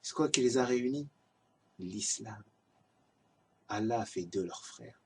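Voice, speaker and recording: A man's voice: medium pitch, expressive, measured pace, recorded from a distance, a little hiss or hum. A man giving an earnest, exhorting religious reminder in an amateur home video. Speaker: lay preacher.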